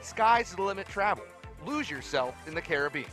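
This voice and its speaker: A man reading a travel agency commercial in a measured, even delivery. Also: high-pitched, over music.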